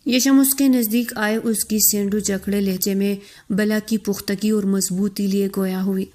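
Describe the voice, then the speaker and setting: A woman narrating a romance novel in a steady, expressive reading. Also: mid-range voice.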